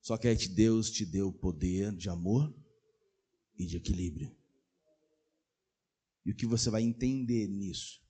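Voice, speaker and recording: A man preaching a sermon as pastor, telling stories and acting out dialogue, swinging from quiet asides to loud exclaimed peaks. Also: mid-range voice, breathy edge. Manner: acts out dialogue in quoted voices. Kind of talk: sermon with storytelling.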